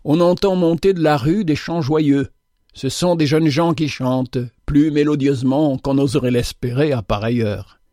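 A man reading a classic tale aloud in a measured, gentle way. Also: fairly high pitch, no echo, studio quality. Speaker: narrator. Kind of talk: scripted storybook narration.

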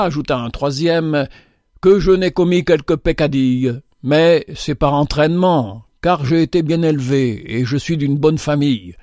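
A man's voice: a little high, darkish tone, dry recording, clean studio sound, lightly acted. A man voicing a self-assured male convict who boasts of his good family and virtue.

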